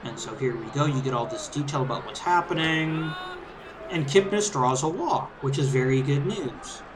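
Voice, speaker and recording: With game crowd sounds and music playing behind him, a man hosts a let's play, offering casual, conversational, easygoing commentary. He speaks at normal speed in a mid-range voice, with background noise present.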